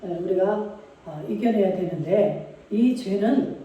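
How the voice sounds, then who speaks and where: A woman preaches slowly in a church sanctuary, her medium-pitched voice warm but the audio dull. She speaks emphatically and poses rhetorical questions to the congregation. The mic is far away in a reverberant church hall.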